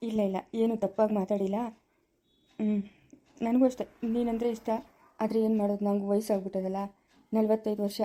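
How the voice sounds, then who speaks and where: A woman's voice: medium pitch, little pitch movement, brisk, long pauses, mellow, lightly acted. A woman playing a kind, patient village man of forty-five who soothes and reasons with others in a family drama. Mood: soothing. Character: kind 45-year-old village man, calm peacemaker.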